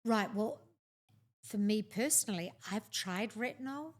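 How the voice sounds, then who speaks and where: Middle-aged woman, from New Zealand, chatty co-host, animated storyteller, mid-pitched voice. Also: unhurried. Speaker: podcast co-host. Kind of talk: casual chat.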